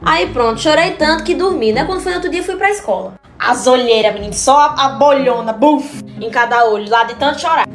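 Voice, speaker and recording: Woman, high voice, rapid delivery, animated comic storyteller. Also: faint music behind. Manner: animated, exclamatory, fast-talking.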